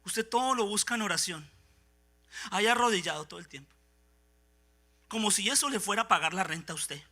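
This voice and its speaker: A man delivers a fiery Pentecostal sermon in a church. His voice sits very high and sounds sharp and bright. He drops to quiet asides, then climbs into shouted preaching. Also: expressive, brisk. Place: church sanctuary.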